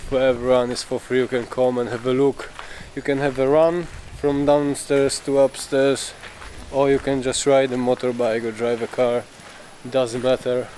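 A man's voice: medium pitch, normal speed, slight background noise. A man vlogging outdoors at a tourist spot, chatting casually in unpolished English toward a handheld camera. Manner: relaxed, unpolished English, chatty tour-guide asides. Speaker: vlogger, channel owner. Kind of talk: casual travel vlog talk.

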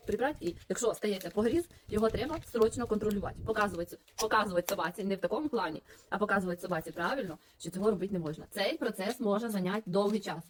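A woman's voice: mid-range voice, darkish tone, slight background noise. A woman giving practical, instructive dog-care advice in a monologue, with frequent hesitation sounds. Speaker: dog trainer.

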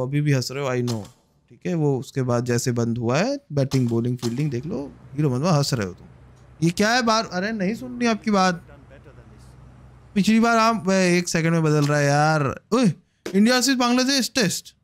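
A young man from India chatting casually to viewers while he plays a cricket video game, talking to the players on screen as he goes. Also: fairly high pitch. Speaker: gaming streamer.

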